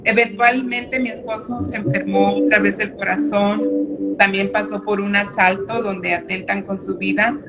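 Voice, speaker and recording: A woman's voice: medium pitch, flat delivery, unhurried. Woman in a muffled radio testimony. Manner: hesitant, with frequent filler words. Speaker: guest giving a testimony. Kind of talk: personal faith testimony. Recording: muffled radio recording with background noise.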